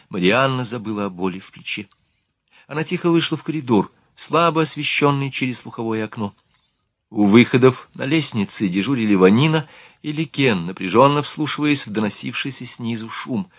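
A man narrating an audiobook in a steady, expressive reading. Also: medium pitch, brisk, no echo, clean studio sound. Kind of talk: scripted narration.

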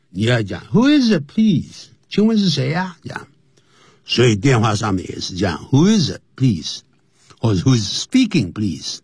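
A man teaching English on a radio program, explaining phrases slowly with repetition. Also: husky, no room sound, clean studio sound. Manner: explains slowly and repeats phrases, lively drawn-out pitch. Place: radio studio.

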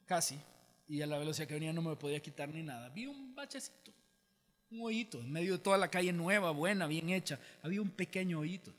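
A pastor preaching in a large church auditorium, his fairly high voice trailing into a long hall reverb. He tells his story with humor and energy and acts out the lines of the people in it. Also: fast. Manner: animated, humorous storytelling with acted-out quotes. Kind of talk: storytelling sermon.

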